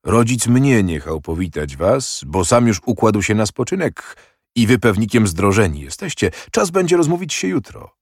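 A man's voice: lowish voice, very animated, moderate pace, husky, dry recording, exaggerated voice. A man reading the part of a stiff nobleman's son who speaks dryly and curtly. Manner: dry and curt.

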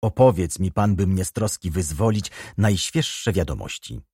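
A man reading the part of an ironic, haughty baroness in an audiobook, raised in pitch and teasing. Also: normal speed, warm tone, husky, no echo, studio quality. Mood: mocking. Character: ironic aristocratic baroness, adult woman, haughty.

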